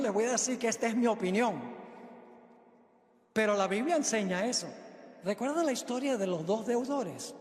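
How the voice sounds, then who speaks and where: A man's voice: sits high, darkish tone. A male pastor preaching a sermon, telling a story emphatically and speaking directly to the congregation. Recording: echoey hall.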